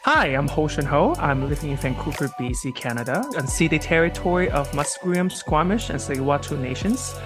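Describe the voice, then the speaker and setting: A man from China whose first language is Mandarin, co-hosting a casual podcast and explaining ideas in a measured, step-by-step way. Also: on the high side, expressive, music in the background. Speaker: podcast co-host. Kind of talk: casual conversational podcast chat.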